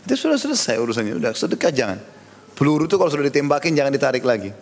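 A male preacher delivers a sermon in a storytelling manner, acting out the dialogue of the people in his stories. His voice sits at a middle pitch. The recording has a long reverberant tail. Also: sing-song, rapid-fire. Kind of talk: Islamic sermon.

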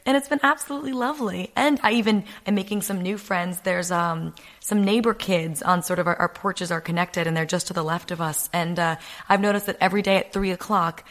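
A woman's voice: on the low side, a little fast, few pauses. A young adult woman, a foreign correspondent, chatting casually on a podcast, telling everyday stories and laughing often. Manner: warm, anecdotal, laughs often. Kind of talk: casual remote podcast chat.

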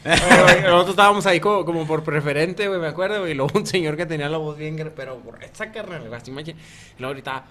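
A man with a Mexican accent, telling stories in a podcast chat and acting out shouts. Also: fairly high pitch, fast talker. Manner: storytelling with shouted impressions. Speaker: podcast co-host. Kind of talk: casual chat.

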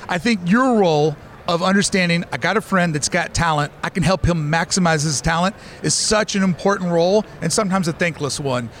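Male podcast host, friendly convention interviewer, slightly high voice, light street noise. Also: a little fast, fairly bright tone. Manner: friendly, talkative, scripted intros.

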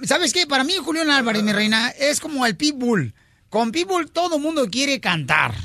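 A man hosting a comedic radio show, animated and laughing through his own jokes. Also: very high voice, moderate pace, no echo, clean studio sound.

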